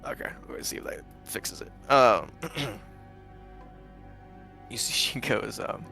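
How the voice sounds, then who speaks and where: A man's voice: lowish voice, very animated, slow, vocal fry, bright, forceful tone, faint music behind. A man narrating a tabletop game as game master, casual and given to swearing. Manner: casual, profane.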